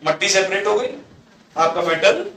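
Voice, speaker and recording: Male teacher lecturing a class, questions and answers himself, high voice, recorded from across an echoey room with faint hum. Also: expressive, normal speed, bright, forceful tone, distant mic. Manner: mixes Hindi with English terms.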